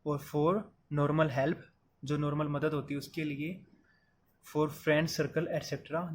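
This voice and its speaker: A man with a slightly high voice teaches English phrases in a relaxed Hindi lesson, with a bit of noise in the background. He walks through everything step by step, chatting with the viewer as a friend would and calling them "brother."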